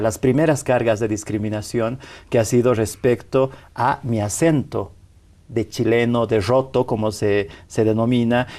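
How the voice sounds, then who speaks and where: A Bolivian man in his 40s, a rights activist, appears as a guest on a TV interview in a television studio. His medium-pitched voice has a mellow, dark timbre, and he tells personal stories in a measured, reflective way, often using tag questions and restarting his sentences.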